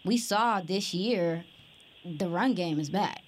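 A woman co-hosting a casual talk show, animated and peppering her points with "like". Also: on the low side, takes it slowly. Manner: animated, uses "like" often. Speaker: co-host. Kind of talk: casual chat.

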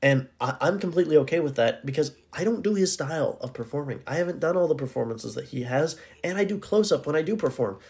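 A man with a raspy, hoarse voice talking casually and earnestly as the solo host of a podcast. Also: on the high side, a little mellow. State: hoarse, needing to clear his throat.

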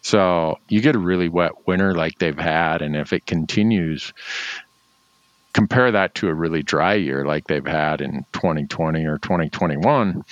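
A man's voice: deep voice, dry recording. A man talking casually as a host about the outdoors, explaining things in a folksy, conversational way. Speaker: host of a hunting talk show.

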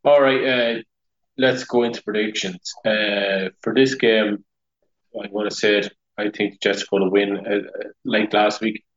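A man with a lower voice hosts a laid-back sports podcast, keeping his replies short and steering toward the next topic. He sounds roomy and slightly dull, like he is calling in over the internet. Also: fairly even intonation, unhurried. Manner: brief, agreeable, steers the segments. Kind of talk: casual sports chat. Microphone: remote call over the internet. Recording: muffled, echoey internet call audio.

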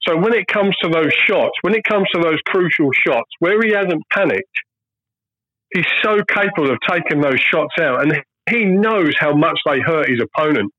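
A man's voice: a little high, animated, moderate pace, no echo. A man talking as a guest in an earnest, emphatic way and stressing his points by saying them twice. His voice comes over a dull, muffled lo-fi line. The sound is dry, with no room around it. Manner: earnest, emphatic, repeats key phrases. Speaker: guest, former professional darts player. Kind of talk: casual phone-in chat.

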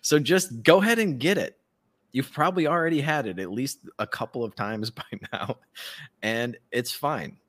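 Co-hosting a casual live podcast, this man speaks at normal speed in an animated, mid-range voice with a fairly bright tone. He's sarcastic and mocking, often chuckling and casually swearing.

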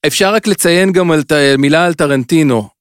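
A man with an Israeli accent in casual podcast chat, speaking a bit haltingly and repeating his phrases. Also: a little high, clean tone, dry recording, studio quality. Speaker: podcast co-host.

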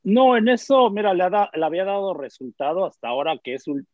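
A man's voice: high voice, sing-song, fast talker, a little mellow, dry recording, lo-fi sound. A man with a Mexican accent, a former player, talking football in casual chat, hesitant and full of fillers and tag questions. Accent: Mexican Spanish.

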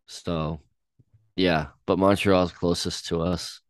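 Young male co-host, deep and resonant, halting and laid-back delivery. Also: little pitch movement, no echo. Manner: hesitant, halting, many ums and restarts. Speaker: podcast co-host. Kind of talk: casual chat reacting to songs.

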